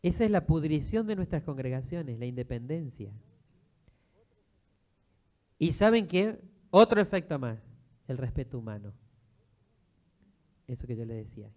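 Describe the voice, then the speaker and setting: A man's voice: medium pitch, big pitch swings, moderate pace, long pauses. A man with an Argentine accent, a priest giving a sermon-style teaching, telling stories and rising into emphatic exhortation. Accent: Argentine Spanish. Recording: muffled lo-fi recording.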